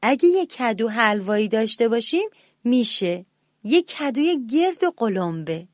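A woman's voice: a little high, big pitch swings, dry recording, studio quality. A woman voicing a small, timid young mouse child who asks earnestly and pleads.

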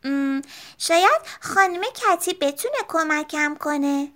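A woman's voice: high-pitched, animated, sharp tone. A woman voicing a little schoolgirl who speaks earnestly and plaintively. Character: little schoolgirl, hurt but standing up.

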